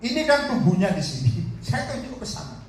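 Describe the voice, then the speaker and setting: A man preaches in a lively, swooping voice that sits a little high for a man. He talks straight to the congregation, pressing them to listen closely. He is heard from a distance in a big, heavily echoing hall with a faint hiss behind him. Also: a little fast. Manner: animated, addresses the congregation directly and repeatedly. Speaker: evangelist preacher. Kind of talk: sermon. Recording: echoey hall from far off, faint noise.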